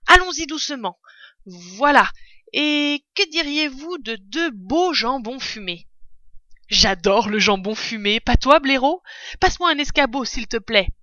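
A cunning, proud fox father with a bright, forceful voice, as a woman puts him on. He is exuberant, bossy and theatrical, like a storybook hero, in a dry, close sound. The recording is dull and lo-fi. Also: high voice, lively intonation, measured pace, dry recording, voice pushed up, exaggerated voice. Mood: gleeful.

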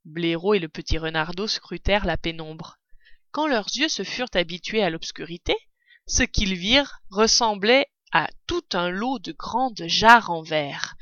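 A woman reading a children's story aloud with expressive narration. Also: mid-range voice, dry recording. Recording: dull, dry recording.

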